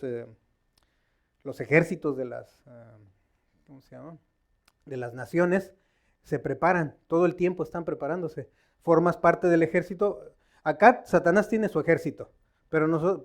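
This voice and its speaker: Leading a Bible study in the loose way of a lay preacher rather than a polished speaker, this man talks conversationally in a slightly mellow voice that sits on the higher side. He quizzes his listeners and often breaks off hunting for the right word, with plenty of fillers and restarts in this informal sermon.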